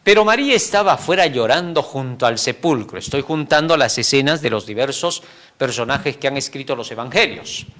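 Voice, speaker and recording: A man teaching a Bible lesson in an expository style, animated and chuckling between points, often tagging his sentences with a question. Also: medium pitch, brisk.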